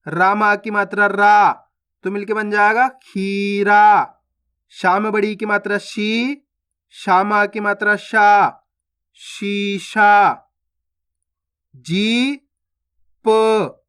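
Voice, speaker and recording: Slow, drawn-out Hindi reading teacher, man. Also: sits high, level tone, sharp tone, smooth. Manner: stretches words slowly, then explains quickly. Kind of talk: slow phonics lesson, drawn-out syllables.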